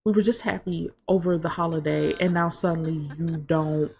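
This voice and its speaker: A woman's voice: deep voice, fairly even intonation, moderate pace, gravelly, darkish tone. A woman voicing a hurt, bitter young man in a life-sim game, talking bluntly in her own voice. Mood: aggrieved.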